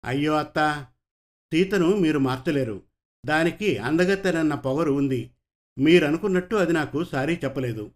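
A man voicing a wounded young boy in an audio storybook, speaking in a lowered, subdued voice, his tone a little higher than the usual male range. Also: moderate pace, close to an everyday voice. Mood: hurt. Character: hurt, quiet young boy.

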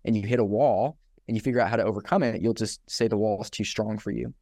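A man's voice: on the low side, fast, no echo, studio quality. A young man hosting a podcast, telling a story casually and acting out the voices of the people in it, with frequent laughs. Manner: animated storyteller who acts out quotes, laughs often. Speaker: podcast host.

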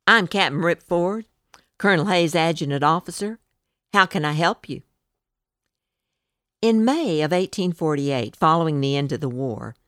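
A woman narrating a scripted history piece in a measured, deliberate reading. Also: low voice, dry recording, clean studio sound.

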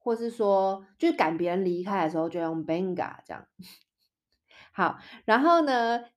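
A woman's voice: mid-range voice, lively intonation, a little slow. A young woman from Taiwan hosting a podcast in a casual chat, explaining Spanish words through playful example dialogues. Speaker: podcast host teaching Spanish.

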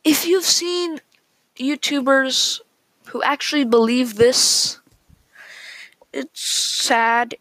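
A woman hosts a solo podcast and talks in a slow, unhurried way. Her voice sits fairly high and she is opinionated and chatty, often restarting her sentences. The recording is close and dry, with no room sound. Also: a bit bright, no room sound, poor audio. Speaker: podcast host. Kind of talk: casual solo podcast talk.

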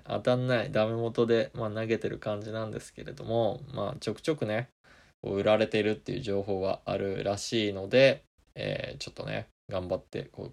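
A man's voice: lowish voice, gravelly, a little mellow. A man from Kansai, Japan, hosting a podcast and answering listener comments in a meandering, chatty way. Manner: meandering, chatty, many small asides. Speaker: podcast host.

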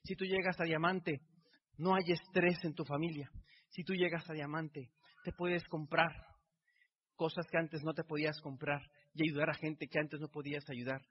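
A man's voice: on the high side, level tone, moderate pace, slight background noise. A middle-aged man gives an emotional motivational speech, building up through repeated phrases. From Mexico. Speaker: motivational speaker. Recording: dull sound in a reverberant hall.

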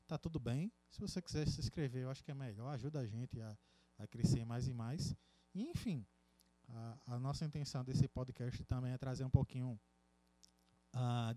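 A man's voice: medium pitch, dark tone, no room sound. A man co-hosting a podcast in casual chat, rambling with many restarts. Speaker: podcast co-host.

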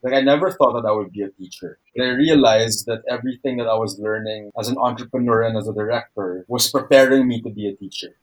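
A man talking casually and reflectively, with a husky voice. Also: medium pitch, fast, few pauses, rough recording. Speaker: teacher. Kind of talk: casual conversation.

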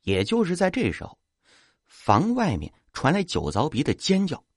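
Man narrating a story, husky and animated, with a wry edge. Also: a little high, normal speed, no room sound, clean studio sound.

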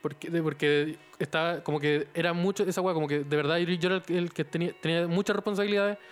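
Fast-talking Chilean man in his twenties. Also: a little high, fairly even intonation, clean tone, faint music behind. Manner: rambling, slangy, laughs through his stories. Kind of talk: casual chat.

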